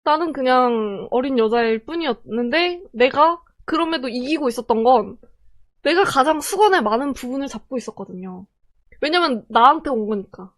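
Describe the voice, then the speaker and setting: A young Korean woman telling a personal story in a casual, animated way, acting out the quoted voices. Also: high-pitched.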